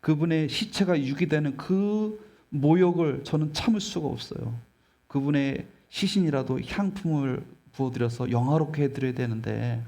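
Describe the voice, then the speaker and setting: A man voicing a grieving, devoted young woman disciple in a sermon retelling, pleading slowly and earnestly. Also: on the high side, warm tone, pitched above the performer's own voice, close to an everyday voice.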